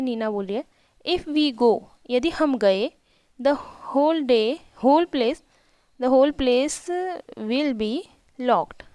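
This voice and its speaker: A woman teaching, reading a storybook in English slowly and then explaining it at length with rhetorical questions. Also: fairly high pitch, smooth, dry recording. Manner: repeats and rephrases, asking rhetorical questions.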